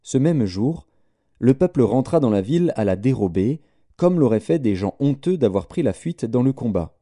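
A man reading scripture aloud in a measured, solemn way. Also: medium pitch, lively intonation, warm tone, no room sound, clean studio sound. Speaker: scripture reader.

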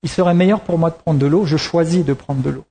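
A man's voice: fairly high pitch, fast talker, warm tone. A man preaching a sermon in a conversational way, repeating key words for emphasis, with frequent restarts.

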